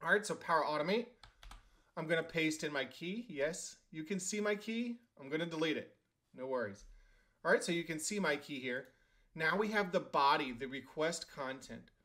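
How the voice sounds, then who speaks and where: In this screen-recorded tutorial, a male tech host casually guides viewers through a software setup, frequently restarting sentences and using fillers as he reasons aloud. His somewhat high voice carries lively intonation.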